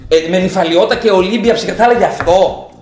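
A man guesting on a casual podcast, telling football stories with sudden swings between hushed asides and loud bursts. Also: high voice, roomy sound. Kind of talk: casual banter about football.

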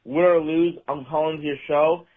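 A man's voice: a little high, fairly even intonation, a little fast. A man leaving a voicemail for a sports show, ranting casually with a lot of swearing and rambling. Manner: profane, exasperated, rambling. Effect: played voicemail message. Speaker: voicemail caller. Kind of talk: casual rant. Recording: tinny phone voicemail.

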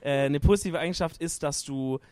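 A man's voice: on the high side, a little fast, darkish tone, no echo. A man in casual group chat at a gaming event, hesitant and searching for words, with lots of fillers. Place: noisy event hall at a gaming party.

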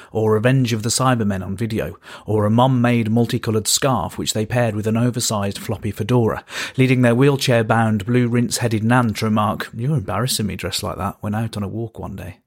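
A man in his thirties from Birmingham, hosting a podcast and reading his own story with dry, wry understatement. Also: medium pitch. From Birmingham, England. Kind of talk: scripted first-person storytelling.

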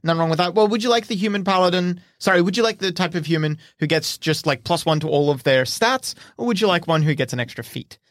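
A man's voice: sits high, quick pace, few pauses, fairly bright tone, dry recording, clean studio sound. A man running a tabletop game in casual chat, explaining rules and helpfully suggesting options as game master.

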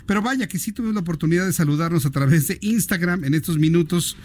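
A man's voice: on the high side, fast, a little mellow. Joking Mexican radio host, man. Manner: playful, joking, reads out listener greetings. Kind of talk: casual radio chat.

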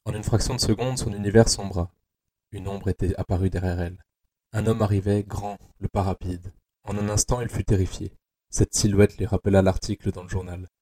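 A man narrating an audio adaptation of a dark novel in a slow, measured, tense way. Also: lowish voice, level tone, slightly rough.

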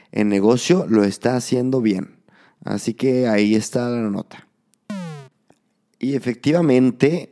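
A man presents news in a casual, conversational podcast style. His voice is dark and soft-edged, with a gravelly hoarseness from a slight cold. He speaks straight to the listener, often checking in with little tag questions. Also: mid-range voice. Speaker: podcast host.

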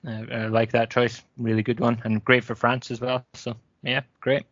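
A man sharing casual football opinions as a regular panellist, measured and agreeable. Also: mid-range voice, little pitch movement, a bit bright, dry recording. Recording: dull lo-fi audio.

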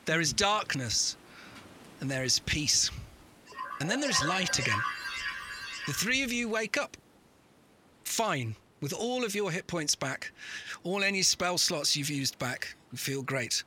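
A man's voice: on the high side, very animated, a little slow, long pauses, sharp tone, slight background noise. A man acting as game master, improvising darkly comic narration for a tabletop role-playing game.

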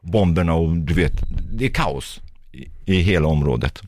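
A man's voice: deep voice, animated, darkish tone, dry recording, clean studio sound. A man, a physiotherapist, vividly recounting a tense experience as a guest, acting out what people said. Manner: vivid, intense retelling, acts out dialogue. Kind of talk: personal storytelling in a podcast.

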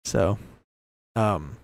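Young man, early twenties, low-pitched, casual solo podcast, rambling, self-correcting. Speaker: podcast host.

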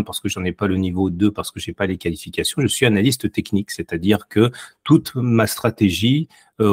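A deep-voiced man speaks over a low-quality long-distance call. He talks as an interview guest and explains things hesitantly, often going back over his words. The sound is dry, without room echo. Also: husky. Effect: low-quality long-distance call audio. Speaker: podcast guest, technical analyst. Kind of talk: conversational podcast interview.

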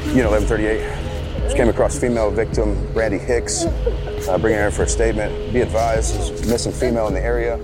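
An actor playing a patrol officer who reports a victim over the police radio in brisk, procedural phrases. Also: male voice, fairly low pitch, sing-song, over loud music, poor audio. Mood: businesslike. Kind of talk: reenactment acting.

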